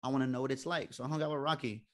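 A man's voice: medium pitch, steady tone, racing, very noisy. Chatty young man joking with students. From San Antonio, Texas. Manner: chatty, self-joking, acts out quoted people. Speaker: guest speaker, TV reporter. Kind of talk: casual talk to a student audience.

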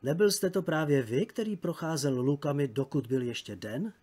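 A man's voice: on the high side, lightly acted. An audiobook narrator voicing a cowardly, stubborn French peasant man who refuses to leave his house. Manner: stubborn, loud, evasive.

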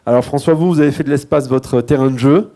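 A man hosts a live panel and presents each guest in turn. His voice is mellow and dark, at a middle pitch. He stumbles, restarts and corrects himself, and slips in light jokes. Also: fast. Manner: hesitant, frequent restarts and self-corrections; light joking asides. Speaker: panel moderator.

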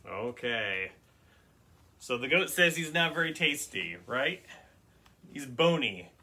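A man reading a picture book aloud for children's storytime, often pausing to ask the listeners questions about words. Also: mid-range voice, very animated, bright, forceful tone.

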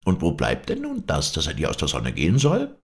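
A man voicing an angry crowd of townsmen, shouting accusations. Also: very deep voice, huge pitch swings, brisk, creaky, full character voice. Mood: outraged.

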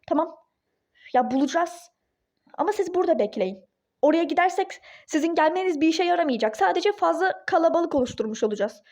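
A woman voicing a calm, soothing young husband in a toy-game role-play drama, talking in a reassuring way. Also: very high voice. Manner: calming, reassuring.

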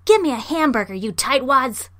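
A woman voicing a rude male blue monkey that snarls insults and shouts in a rage in a storybook reading. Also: high-pitched, lively intonation, moderate pace, voice pushed up. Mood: raging.

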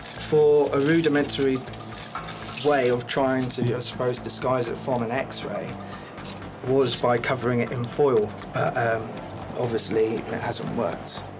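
A man's voice: mid-range voice, fairly even intonation, a little slow. A man in his thirties, a border officer, explaining plainly in an airport office. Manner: plain, matter-of-fact explaining. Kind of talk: interview and on-the-job speech. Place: airport customs office, indoors. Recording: music mixed in behind.

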